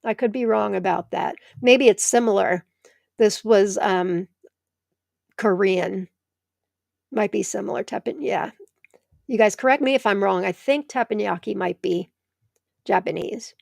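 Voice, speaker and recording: Hosting a live tomato show from her home, a middle-aged woman from the United States reads viewer comments and replies to people by name. She speaks at medium pitch in an unhurried, gravelly, darkish voice, pausing often, with a dry and clean studio sound.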